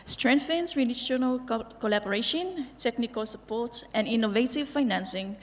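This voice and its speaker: A woman's voice: on the high side, moderate pace. A woman reading a formal scripted podium speech as a government representative. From Samoa. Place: large conference hall. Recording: reverberant hall with background noise.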